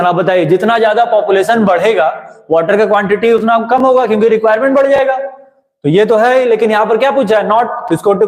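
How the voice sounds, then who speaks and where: A male teacher with a high voice works through exam questions, posing each question and answering it himself. He keeps urging viewers to post their answers. The room is echoey with a long reverb tail. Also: a little mellow. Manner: asks and answers his own questions; urges viewers to comment.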